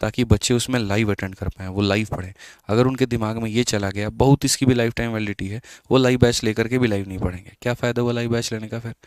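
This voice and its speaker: A man's voice: lowish voice, fairly even intonation, fast, smooth, dry recording. A man teaching maths in a live online exam-prep class, chatty and scolding his students, mixing English terms into his talk.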